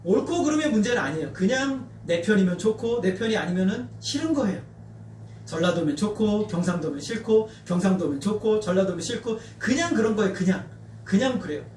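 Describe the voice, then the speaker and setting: A man from North Jeolla preaching a sermon as pastor, animated and acting out quoted voices. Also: sits high, a little fast. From Korea, North Jeolla. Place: church sanctuary. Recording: echoey church hall, distant mic, faint noise.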